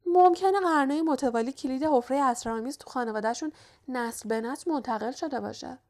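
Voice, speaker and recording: A hot-headed young schoolboy wizard voiced by a woman reader talks in a high, mocking, indignant voice. He is loud and sarcastic in this audiobook.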